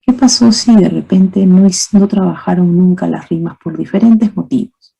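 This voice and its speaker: A woman lectures teachers in a calm, explanatory way, often closing her points with "¿ok?". Her voice is very dark and mellow, with a gravelly, somewhat husky edge. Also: on the low side, moderate pace, poor audio. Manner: explanatory, asks rhetorical questions, says "¿ok?" and "¿no?" often. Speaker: teacher trainer. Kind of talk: methodology lecture.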